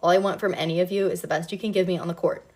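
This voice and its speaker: A woman's voice: on the low side, rapid-fire, close to an everyday voice. A woman reading aloud and voicing a blunt, guarded young male athlete. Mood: curt. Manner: flat, curt.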